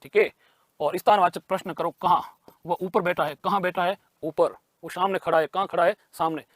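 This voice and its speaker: A man's voice: high-pitched, fairly even intonation, normal speed, fairly bright tone, no echo. A man teaching a grammar lesson for exam prep. He asks questions and answers them himself, and he repeats key terms.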